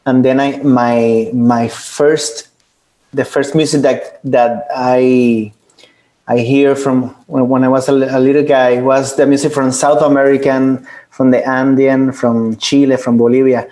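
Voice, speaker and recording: Earnest halting man. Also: medium pitch, little pitch movement, mellow. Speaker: band member. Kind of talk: casual Q&A answer.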